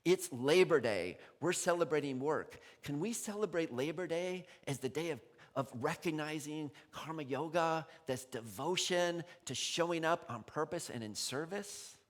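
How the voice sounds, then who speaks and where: A male pastor delivers a casual, conversational sermon, often breaking into laughter. His voice sits on the higher side and swings widely in pitch. The sound carries the long echo of a large sanctuary. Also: lively intonation, moderate pace, hardly any pauses. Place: church sanctuary. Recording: long reverb in a large hall.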